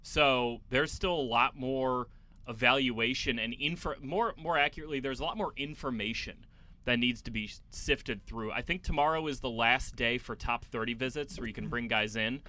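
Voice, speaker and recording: Chicago accent dude on a sports pod, bright forceful voice, animated, laughs a lot. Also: male voice, mid-range voice, normal speed. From Chicago area. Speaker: podcast co-host. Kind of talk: casual sports podcast chat.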